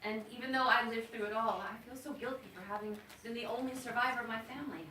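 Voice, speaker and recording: A woman's voice: a little high, quick pace, lightly acted. A woman playing a vengeful lone survivor. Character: grown woman Eva, vengeful sole survivor. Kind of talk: stage play acting. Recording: echoey, distant, noisy stage recording.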